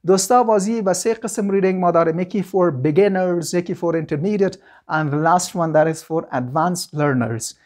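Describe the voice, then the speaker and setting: A woman's voice: on the low side, darkish tone. Encouraging Afghan Dari-accented woman teaching. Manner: encouraging, repeats each word slowly for students; mixes Dari and English. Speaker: English teacher. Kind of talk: language lesson.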